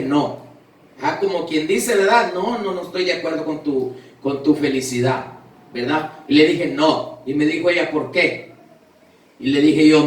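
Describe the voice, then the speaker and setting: Man, pastor, fervent testimony sermon, high voice, heavy church echo, distant mic. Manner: fervent, storytelling with quoted dialogue. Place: church sanctuary. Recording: very echoey hall, voice from far off.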